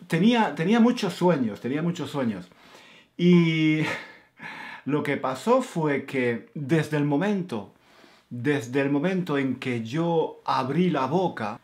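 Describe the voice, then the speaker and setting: Slow-talking Andalusian man in his 50s. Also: on the high side. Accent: Andalusian (Granada). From Granada, Spain. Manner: slow, repetitive, emphatic, with frequent fillers. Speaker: Spanish teacher. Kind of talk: storytelling lesson for learners.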